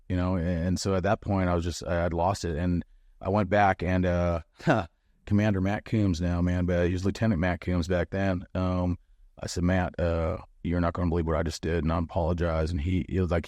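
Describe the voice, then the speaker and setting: A middle-aged man, a former bomb disposal chief, telling stories in a blunt, profane, animated way in a casual conversation. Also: deep voice, brisk, no echo.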